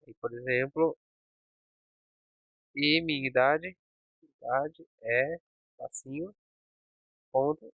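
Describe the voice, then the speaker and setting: A man's voice: on the high side, gravelly, no echo. Man, tutorial teacher, step-by-step coding walkthrough, dry lo-fi mic. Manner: talks through code step by step, checking with "ok?" and "certo?". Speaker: programming teacher. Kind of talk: screen-recorded coding tutorial.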